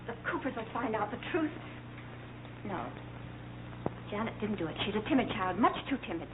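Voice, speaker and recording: A woman's voice: medium pitch, sing-song, moderate pace, close to an everyday voice. An actress playing a worried, firm, proper woman in charge of girls, speaking emphatically in 1930s film style. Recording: tinny, noisy 1930s film soundtrack.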